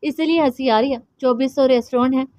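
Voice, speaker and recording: Woman voicing a playful young wife, high and soft. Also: steady tone, fairly quick, no room sound, lightly acted. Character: young wife, gentle, playful, later frightened. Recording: dry, slightly dull audio.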